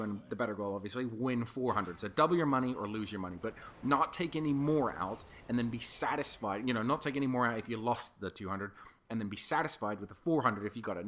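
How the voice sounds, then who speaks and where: Young guy rambling a story over gameplay, talks quick, bright voice, swears a lot. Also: on the low side. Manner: chatty, swears freely, many fillers. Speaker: gaming commentator.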